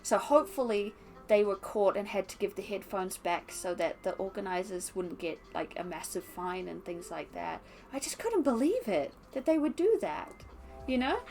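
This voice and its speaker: A young woman with an Australian accent chatting casually on a stream, animated and laughing often. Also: normal speed, faint music behind. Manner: chatty, reads chat aloud, laughs often, animated with pitch jumps. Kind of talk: casual chat while unboxing.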